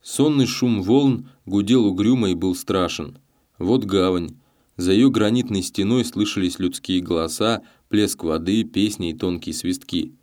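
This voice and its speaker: A man reading a story aloud as a narrator, measured and dramatic. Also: sits low, a little mellow. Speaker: audiobook narrator. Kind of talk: scripted narration.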